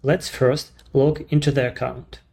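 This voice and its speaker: A native Ukrainian speaker explains his own service step by step in English during a screen-recorded software walkthrough, with a Ukrainian accent and the occasional non-native phrasing. His middle-pitched voice is level in tone, measured and unhurried, with a creaky, breathy edge.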